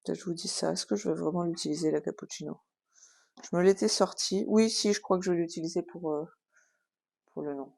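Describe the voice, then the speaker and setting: A woman's voice: on the low side, brisk, vocal fry, a little mellow, breathy edge. A woman hosting a casual craft tutorial, explaining at an easy pace with frequent hesitations and filler sounds. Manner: chatty, explanatory.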